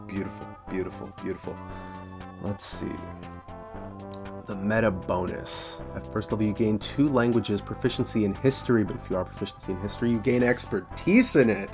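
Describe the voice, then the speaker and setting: Low-voiced man rambling through game rules. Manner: rambling, repeats phrases, thinks aloud. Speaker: tabletop game content creator. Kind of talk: casual review of homebrew game rules.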